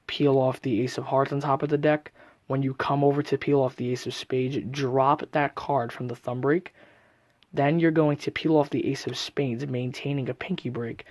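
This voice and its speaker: A man's voice: mid-range voice, a little mellow, no echo. A man giving a casual, methodical step-by-step card trick tutorial, often recapping as he goes. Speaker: magic tutorial presenter.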